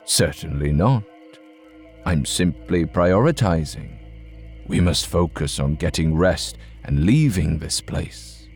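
A man putting on an eerily calm companion, low and hushed. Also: takes it slowly, creaky, faint music behind, exaggerated voice. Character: eerily calm secretive male traveling companion.

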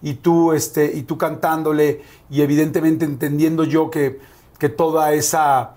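A man's voice: fairly high pitch, flat delivery, a little slow, warm tone. A man interviewing a guest, asking long, rambling questions full of fillers. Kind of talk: conversational interview.

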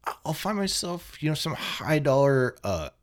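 A man co-hosting a comedy podcast who talks in a halting way, full of "uh" and "you know". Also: fairly high pitch, sing-song. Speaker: podcast co-host. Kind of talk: comedic banter.

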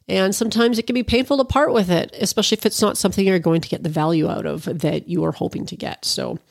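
With a lowish, gravelly voice and a fast delivery, a woman from Canada rambles to her viewers about cooking in a loose, informal way, fillers and asides included. She's a cannabis cooking vlogger and a bit stuffy from allergies. The audio is clean studio sound without any room sound.

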